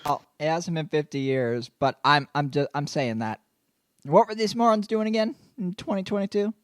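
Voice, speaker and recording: A man joking around in casual radio chat, tossing in quick asides. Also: a little high, smooth, no echo, clean studio sound.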